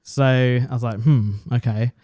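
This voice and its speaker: A man's voice: medium pitch, steady tone, unhurried, dark tone, no room sound, studio quality. A young English man casually telling a story on a podcast and acting out both sides of the conversation. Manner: chatty, self-deprecating, acts out both sides of a conversation. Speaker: podcast co-host.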